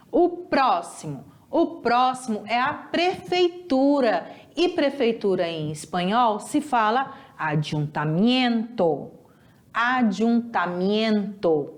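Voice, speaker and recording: A young Brazilian woman with a Brazilian Portuguese accent, teaching a recorded lesson and drawing out words slowly to show pronunciation. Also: fairly high pitch. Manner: lively, drawn-out teacherly pronunciation drills. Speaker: Spanish teacher.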